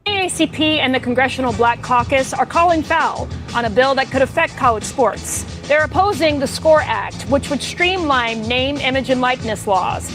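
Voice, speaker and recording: High-voiced woman reading TV news. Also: rough recording. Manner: crisp, even newsreader delivery. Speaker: news reporter. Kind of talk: broadcast news report. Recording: news clip over a music bed.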